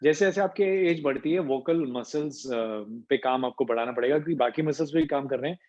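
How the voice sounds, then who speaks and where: A man teaching an online voice class, mixing Hindi with English and demonstrating pitch with hums and slow pauses. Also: darkish tone, highs cut off. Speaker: voice coach.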